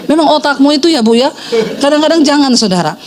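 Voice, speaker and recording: A middle-aged woman pastor preaching a sermon, telling a story in a lively way and acting out the people she quotes. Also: high-pitched, fast, a crowd in the background. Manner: animated storytelling, acts out quoted voices.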